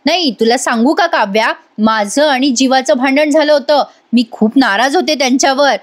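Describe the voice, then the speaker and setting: A woman's voice: sits high, moderate pace, lightly acted. A woman reading a scolding young wife. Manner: scolding, reproachful. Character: angry young married woman scolding her sister. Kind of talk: retelling a serial's dialogue.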